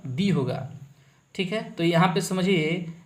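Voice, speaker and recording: High-voiced man teaching English grammar. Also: expressive, unhurried, echoey room. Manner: asks and answers his own questions, repeats key words. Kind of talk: classroom grammar lesson.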